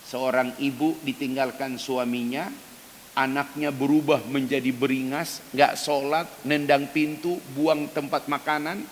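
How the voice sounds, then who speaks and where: A man's voice: level tone, measured pace. A man preaching an emphatic dawn sermon in a mosque, speaking directly to the men of the congregation. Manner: acts out quoted prayers in loud, high cries. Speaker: ustadz preacher. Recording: reverberant mosque hall with faint hiss.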